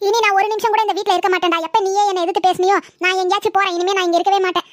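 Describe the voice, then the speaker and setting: A bossy old mother-in-law, played by someone in a comedy skit with a shrill, very high voice. She nags and rattles off her complaints at a rapid clip. The sound is close and dry. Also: little pitch movement, a bit bright, no echo. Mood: wounded.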